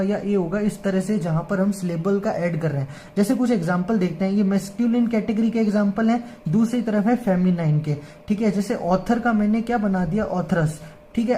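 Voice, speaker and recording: Calm woman teaching grammar, mellow voice. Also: mid-range voice, slight background noise. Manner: patient, repeats "ठीक है" and "है ना" often; reads English lines slowly, word by word. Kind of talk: explaining an English grammar lesson in Hindi.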